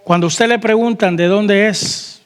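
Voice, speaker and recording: A man's voice: sits high, fairly even intonation, moderate pace, clear, resonant tone, long reverb tail. A man preaching a sermon as pastor, asking the congregation questions and calling out amen. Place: church hall.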